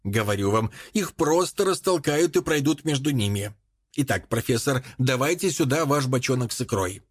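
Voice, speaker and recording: A man voicing a brash, confident male dinner guest who speaks loudly and emphatically. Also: medium pitch, expressive, normal speed, no echo, studio quality, pitched above the performer's own voice, natural voice. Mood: boastful. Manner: loud, emphatic.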